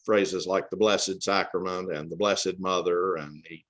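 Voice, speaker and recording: An older man from the American South speaks in a lowish voice with an Appalachian accent. He tells personal stories casually, in a folksy and self-deprecating manner. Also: fairly even intonation, measured pace, fairly bright tone. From Tennessee and Georgia, United States. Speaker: interview guest, author.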